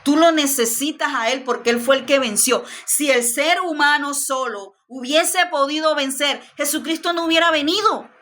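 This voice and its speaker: A woman's voice: high-pitched, normal speed, hardly any pauses, pushed and bright. A woman teaching a Bible study lesson, speaking emphatically and often repeating her phrases.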